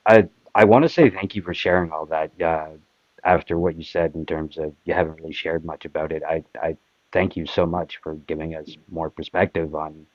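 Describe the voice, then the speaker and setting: A man's voice: rumbling low, steady tone, brisk, no room sound, dull audio. A man hosting a casual online discussion in an appreciative, somewhat hesitant way. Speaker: host.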